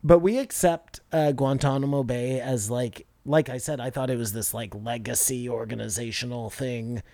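A man's voice: medium pitch, steady tone, moderate pace, creaky, dark tone, no room sound. A man co-hosting a podcast in casual chat, speaking in an offhand, joking way. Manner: offhand, jokey, loose talk. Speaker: podcast co-host.

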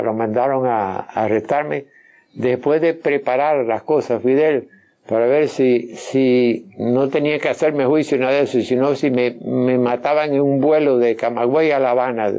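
Older man, halting and mellow. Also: medium pitch. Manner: halting, repeats and restarts words while recounting. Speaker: interviewee. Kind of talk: personal recollection in an interview.

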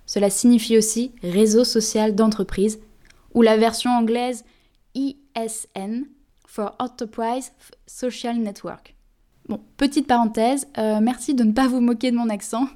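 A young woman with a slightly high, mellow voice hosts a podcast. She addresses the listener directly in a friendly, casual way that follows a script.

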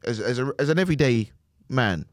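A podcast co-host chats casually in a mid-range voice with lively intonation, speaking a little fast. He rambles in a laid-back way, tagging his lines with "man" and "do you know what I mean." The recording is studio quality with no room sound.

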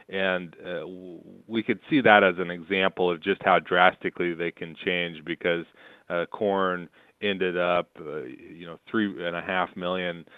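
Man heard over the phone, low voice, smooth resonant tone, narrow phone-line sound, measured market commentary. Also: no room sound. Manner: measured, steady delivery with frequent fillers. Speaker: market analyst guest. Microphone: telephone.

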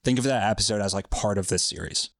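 A podcast host tells a story in a loose, rambling, profane style, packed with fillers during a casual chat. His voice is on the low side and a bit bright, delivered at a quick pace. The recording is studio quality with no room sound.

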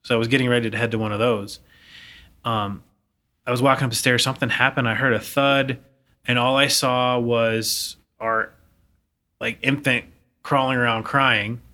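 Bright-toned man telling a personal story. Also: mid-range voice. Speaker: podcast co-host. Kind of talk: casual chat.

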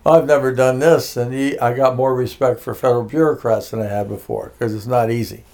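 A man's voice: medium pitch, steady tone, a little fast, creaky, a little mellow. An older man from Connecticut, a music producer being interviewed, telling his life story casually with many fillers and restarts.

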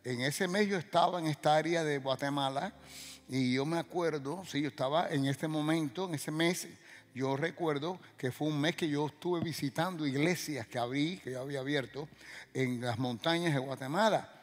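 An older man from Cuba, a pastor telling a story in a sermon, animated and acting out dialogue and sound effects. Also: on the high side, moderate pace, big-room sound.

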